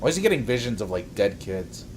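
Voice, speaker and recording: A man's voice: lowish voice, very animated, quick pace, darkish tone, slight background noise. A man streaming casually, reacting to videos with crude, jokey chat and frequent laughter. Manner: laid-back, crude, jokey, laughs often.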